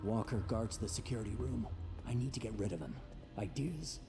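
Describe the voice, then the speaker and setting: A man's voice: fairly low pitch, expressive, a little fast. Stern cop boss guy in a game, dry, bossy, music going behind him. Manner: commanding, dry sarcasm. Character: stern, dry, authoritative male police lieutenant. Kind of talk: video game voice acting.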